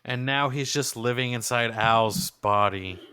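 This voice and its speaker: A man's voice: medium pitch, measured pace, sharp tone, clean tone. A man co-hosting a podcast, chatting casually and enthusiastically about an anime episode like a gushing fan. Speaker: podcast co-host.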